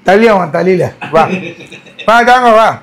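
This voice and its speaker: A man in a comedy skit, teasing and scolding with quick repeated commands. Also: high voice, vocal fry, a bit bright. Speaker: comedy video creator.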